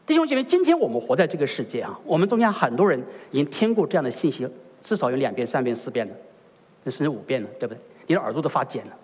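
A man preaching a sermon in a husky voice, his pitch swinging widely as he presses each point. He keeps turning to the congregation with rhetorical questions. The long reverb of a large hall trails after every phrase. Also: very animated, rapid-fire, a little mellow. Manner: rhetorical, often asks the listeners "right?". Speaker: pastor.

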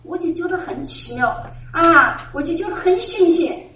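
With lively intonation and a bright, forceful tone at a moderate pace, a middle-aged church member gives an earnest religious testimony, circling back to phrases and laughing as she speaks. Her high voice sounds far off in a roomy, echoey space, and the muffled recording carries slight hiss or hum.

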